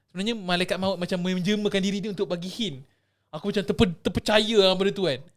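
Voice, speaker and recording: A young man tells ghost stories on a casual podcast. His voice sits high and rushes along, and he acts out the voices in his tale. He slips English words into his speech. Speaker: podcast co-host. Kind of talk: casual chat, ghost storytelling.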